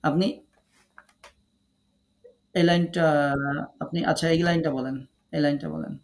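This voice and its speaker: A man's voice: fairly high pitch, steady tone, a little slow, a little mellow. A man teaching Quran recitation in an online class, calling on students and patiently repeating syllables for them.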